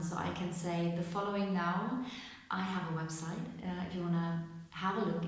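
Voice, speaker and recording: A woman's voice: fairly low pitch, a little mellow, a little hiss or hum. A woman hosting a tarot reading, talking informally and directly to her viewers in a casual, chatty way. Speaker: tarot reader and channel host. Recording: very echoey, reverberant room.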